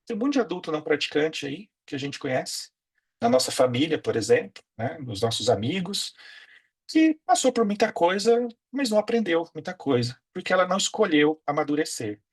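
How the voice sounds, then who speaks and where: A man's voice: on the high side, very animated, fairly quick, breathy edge. A man gives a reflective spiritual lecture, asking rhetorical questions and often checking in with his listeners. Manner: reflective, asks rhetorical questions, frequent tag questions.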